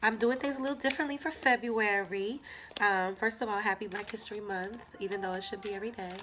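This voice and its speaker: Her mid-range voice is steady, fast, and fairly bright, with slight background noise behind it. The woman, whose nose sounds stuffy, reads tarot cards for viewers in a chatty, filler-laden style, addressing the camera directly.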